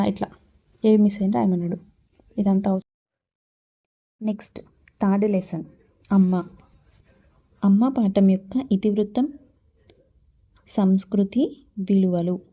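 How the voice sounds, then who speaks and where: A woman teacher explains a school textbook chapter. Her voice is very dark and mellow, and it sits at a middle pitch. She poses a question and then answers it herself. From Telangana.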